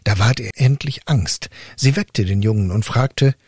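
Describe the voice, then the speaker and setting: A man reading a fairy tale aloud with lively, expressive narration for an online listening room. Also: fairly low pitch, unhurried, breathy edge, no echo, studio quality. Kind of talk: storybook reading.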